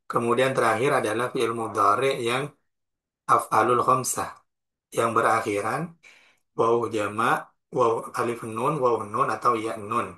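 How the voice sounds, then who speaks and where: A man with an Indonesian accent teaching Arabic grammar in a classroom, slow and deliberate, spelling out each form and example. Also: mid-range voice, pushed and bright. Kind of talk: classroom lesson explaining grammar.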